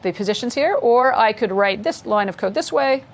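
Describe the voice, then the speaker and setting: A woman's voice: on the high side, animated, moderate pace, slight background noise. Chatty woman teaching code. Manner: chatty, upbeat, explains while typing. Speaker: course instructor. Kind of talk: live coding tutorial.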